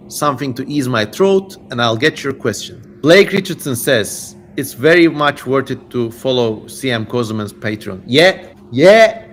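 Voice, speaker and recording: Hosting a casual livestream with playful theatrics, a Turkish-accented man from Turkey chats and reads viewer comments aloud. His voice is mid-range, and there's slight background noise.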